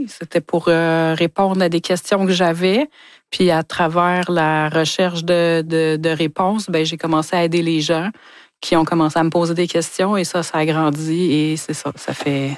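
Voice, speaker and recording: A woman in her forties with a Quebec French accent, a guest expert calmly explaining in a studio interview. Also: on the low side, moderate pace, no echo. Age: 40s. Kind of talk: answering interview questions.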